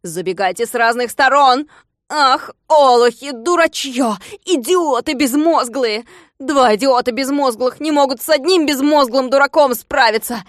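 In this audiobook character voice, a woman plays a furious, bald, wealthy landowner who screeches insults and rants out commands. She speaks at a medium pitch and normal speed with fairly even intonation and few pauses, in a natural voice. The sound is clean studio audio with no echo.

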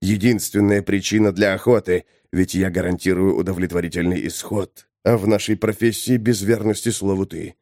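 A man reading an audiobook, voicing a cold, menacing male hired killer who speaks low and measured. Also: steady tone, warm tone, no room sound, clean studio sound. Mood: threatening.

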